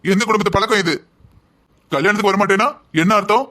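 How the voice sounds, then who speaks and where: A man's voice: sits high, steady tone, fast, pushed and bright. A man voicing a stern middle-aged father who scolds his family in a cartoon drama, heard from a little way off the mic. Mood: scolding. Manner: scolding, blunt.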